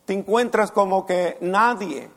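A man preaching a heartfelt sermon at a church service, pausing often and addressing listeners as brother. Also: high-pitched, fairly bright tone. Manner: slow, heartfelt preaching with long pauses, calls listeners brother. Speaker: pastor.

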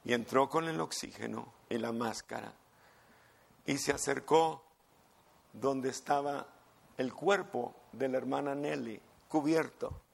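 Slow, gravelly older preacher. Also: male voice, medium pitch. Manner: emphatic, storytelling preacher. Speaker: pastor. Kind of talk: sermon storytelling.

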